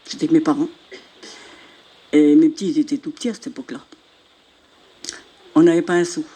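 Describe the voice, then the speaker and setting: A woman's voice: low-pitched, a little fast, breathy edge. An older woman from northern France gives a spoken religious testimony and acts out the dialogue as she tells it. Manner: animated storyteller, acting out dialogue. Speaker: church testimony speaker.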